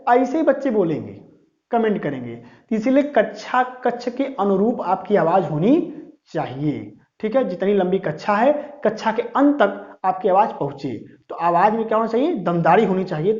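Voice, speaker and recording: A man's voice: high voice, darkish tone. A man teaching a class-style lecture, asking questions and answering them himself, often checking in with "okay". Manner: asks and answers his own questions; says "thik hai" often. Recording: dull lo-fi sound.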